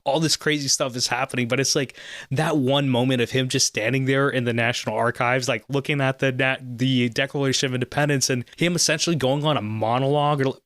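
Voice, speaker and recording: An eager man hosts a casual film podcast. His voice sits at an ordinary middle pitch, and he rambles through his points with plenty of "like" and "you know". The recording is dry and close, with no room sound. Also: fairly even intonation, brisk, a bit bright, no echo. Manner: enthusiastic, rambling with many "like" fillers. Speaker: podcast host.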